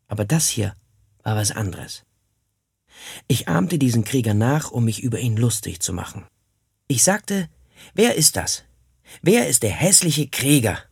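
A man narrating a first-person memoir in a steady, plain storytelling manner. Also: on the low side, creaky, breathy edge, no echo, clean studio sound.

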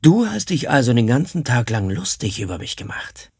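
A man's voice: mid-range voice, sing-song, normal speed, vocal fry, breathy edge, dry recording, studio quality, heavily acted. A man voicing a stern village warrior who calls out commands, in an audiobook reading. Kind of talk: audiobook character voice.

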